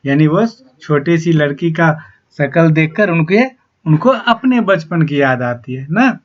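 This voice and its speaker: A male teacher explaining a poem to young pupils, reading the verses slowly and then explaining them, often adding a questioning "na". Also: fairly high pitch, animated. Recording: dull lo-fi sound.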